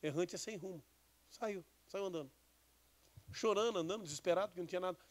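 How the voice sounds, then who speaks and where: Bishop preaching, talks with the crowd, asks stuff back, voice a bit high for a guy. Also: fast. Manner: conversational preaching, asks the congregation questions. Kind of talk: sermon with Bible reading.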